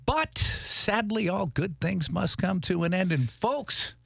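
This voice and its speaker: A man's voice: high voice, expressive, slow pace, vocal fry, a bit bright, no room sound. A middle-aged man hosting a podcast in a studio, chatting casually and often tripping over repeated words. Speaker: podcast host.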